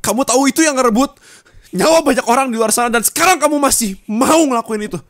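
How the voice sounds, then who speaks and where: Here a man scolds his partner with bitterness in an ASMR roleplay, shifting between quiet muttering and loud, angry reproach. Captured on a close mic, his fast delivery has a fairly bright tone and no echo.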